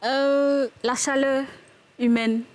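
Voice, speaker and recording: A woman from Guinea, a doctor guest on a talk show, who speaks hesitantly with many pauses. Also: sits high, level tone. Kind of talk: casual talk-show chat.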